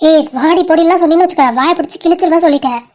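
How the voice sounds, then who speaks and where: A woman's voice: very high-pitched, racing, a little mellow. A woman voicing a fiery, quarrelsome young college girl in an amateur cartoon, scolding and threatening shrilly. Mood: angry. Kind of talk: amateur animated cartoon dub.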